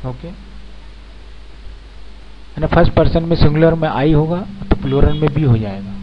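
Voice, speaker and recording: A man's voice: a little high, measured pace. A man teaching a beginner English grammar lesson, explaining each point step by step and repeating example words. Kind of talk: slow spoken grammar lesson. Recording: dull lo-fi recording with faint background noise.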